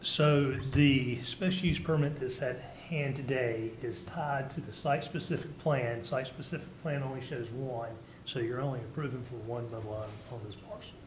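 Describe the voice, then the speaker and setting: A man's voice: mid-range voice, fairly even intonation, moderate pace, hardly any pauses. A man speaking as an official at a public meeting, explaining procedure. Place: echoey public meeting room. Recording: echoey room, clear background noise.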